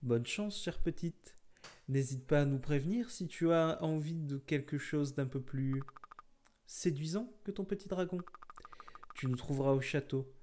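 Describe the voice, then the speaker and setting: A man's voice: a little high, unhurried, darkish tone, close to an everyday voice. A man voicing a pair of seductive scheming demon twins in a video game, speaking in a purring, honeyed tone with mock-sweet menace. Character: seductive twin demons, incubus and succubus.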